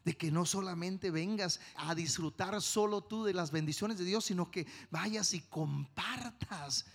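A male pastor preaching a sermon with passion, swinging between quiet stretches and sudden loud outbursts. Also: high-pitched, unhurried, vocal fry.

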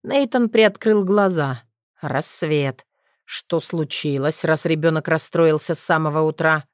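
A woman narrating an audiobook in a steady, measured storytelling manner. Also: sits low, dry recording, clean studio sound.

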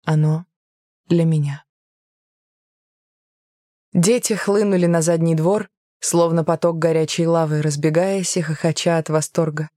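A woman narrating a novel in the first person, telling it calmly and evenly. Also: deep voice, moderate pace, no room sound, studio quality. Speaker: audiobook narrator.

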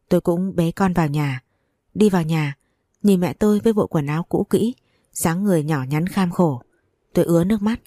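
A woman reading a first-person romance story aloud in an even, steady voice. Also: lowish voice, dry recording, studio quality. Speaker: story narrator.

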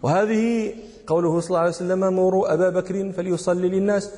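Moroccan guy teaching grammar, quizzes the class, laughs a lot, high-ish mellow voice. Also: fairly even intonation, quick pace, long reverb tail. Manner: asks the class questions, chuckles often.

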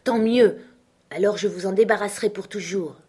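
A woman's voice: medium pitch, moderate pace, a little mellow, breathy edge, voice pushed up, close to an everyday voice. A woman reading aloud, voicing an arrogant young male musketeer who sneers at commoners. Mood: haughty sneering. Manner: haughty, sneering.

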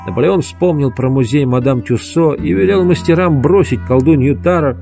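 A man reading a storybook aloud in a measured, dramatic narrating manner. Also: fairly high pitch, vocal fry, over music. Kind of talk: audiobook narration.

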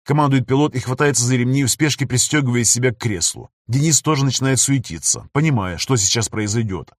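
A man reads an audiobook in dramatic narration, switching into the crew's shouted commands when they speak. His voice sits at an ordinary middle pitch, and the recording is dry and close to the mic. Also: fairly quick, dry recording.

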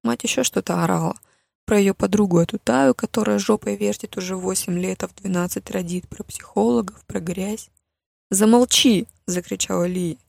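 Gravelly-voiced woman reading a story. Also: mid-range voice, fairly even intonation, fairly quick, darkish tone, no room sound. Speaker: audiobook narrator. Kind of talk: scripted narration.

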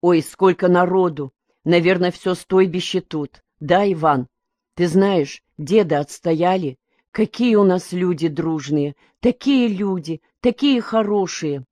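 A woman's voice: fairly low pitch, expressive, slow pace, dry recording, voice pushed up. A woman reading the part of a joyful young village woman who gushes with exclamations. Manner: bright exclamations. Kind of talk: audiobook character reading.

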